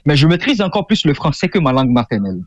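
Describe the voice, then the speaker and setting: Speaking fast with big swings in pitch, this slightly high-voiced young man from Benin, whose mother tongue is Fongbe, answers interview questions as a guest author. He is earnest and explanatory but hesitates frequently, and the dry recording has its highs cut off.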